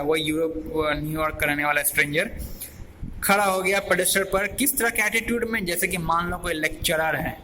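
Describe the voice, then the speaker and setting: A man teaching an English chapter. He reads each English line slowly, then explains it phrase by phrase, asking questions and answering them himself. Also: fairly high pitch, pushed and bright, a little hiss or hum, poor audio.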